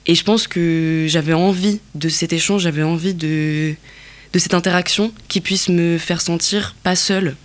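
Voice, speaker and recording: A woman from Algeria, a guest in an interview, speaking thoughtfully with many pauses and restarts. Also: lowish voice. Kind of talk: reflective interview talk.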